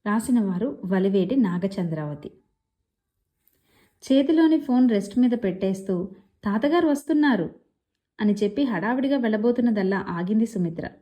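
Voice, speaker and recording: A woman storyteller narrating a family story in a measured, expressive reading style. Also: mid-range voice.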